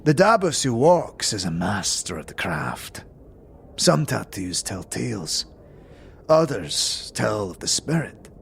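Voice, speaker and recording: In this tabletop-style fantasy roleplay, the man's full character voice is on the low side, gravelly, very animated and slow. He portrays a proud, scarred alien soldier whose grave, formal speech uses archaic phrasing, and the mood is solemn and reverent. There's faint background noise.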